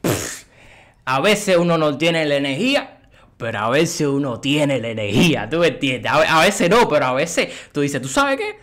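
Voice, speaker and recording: A man giving casual, excitable reaction commentary on a music video. He swears often and keeps checking that the listener follows him. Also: fairly high pitch, normal speed. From Cuba. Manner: excitable, swears, keeps asking "you know what I mean".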